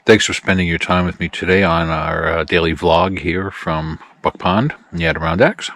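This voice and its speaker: A man with a low, deep voice chats easily to camera from outdoors at his campsite. His manner is relaxed and friendly, and he speaks straight to his viewers as he settles in by the campfire. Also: moderate pace. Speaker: camping vlogger. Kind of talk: casual vlog talk to camera.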